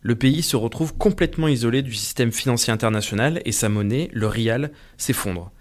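A man's voice: medium pitch, a little fast. A man, the interviewer, reading scripted narration and asking questions fluently.

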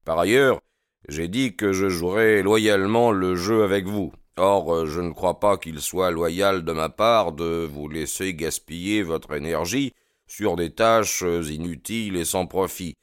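A man reading aloud as a brilliant, self-assured detective who speaks with brisk, earnest cordiality. The voice lifts brighter and a touch louder than his low narrating tone. It is recorded close and dry, with no room sound. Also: clear, resonant tone, dry recording. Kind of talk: audiobook character reading.

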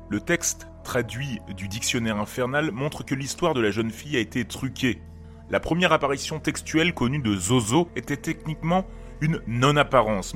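A man, hosting and narrating a scripted horror show. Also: medium pitch. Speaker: host of a horror storytelling show. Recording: music behind the voice. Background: music.

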